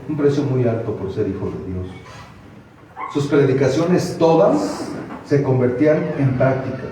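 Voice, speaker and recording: Male preacher, mellow and exhorting, off-mic in a roomy hall. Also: mid-range voice, expressive, measured pace, a little hiss or hum. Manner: exhorting, full of rhetorical questions. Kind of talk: sermon. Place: church hall. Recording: echoey hall from far off.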